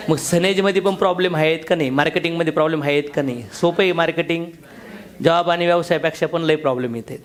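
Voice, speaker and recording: High-voiced, blunt joking male speaker. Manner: blunt, slangy and joking, with emphatic repetition; fires questions at the audience. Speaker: motivational business speaker. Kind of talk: seminar talk to a live audience.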